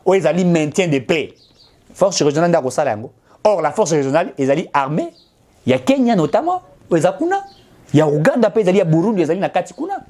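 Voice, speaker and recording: A middle-aged Congolese man with a Congolese French accent speaks as a political commentator straight to his audience in an impassioned direct-to-camera address. His voice is fairly high, a little mellow and very animated, moving at a quick pace. He comes across emphatic and insistent.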